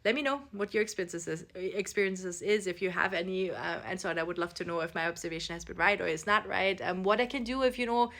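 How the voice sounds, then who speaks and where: A woman's voice: on the low side, fast, hardly any pauses, fairly bright tone. A woman from Vienna, telling a casual storytime to camera in an earnest, reflective way and speaking straight to her viewers. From Vienna, Austria. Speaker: social media creator.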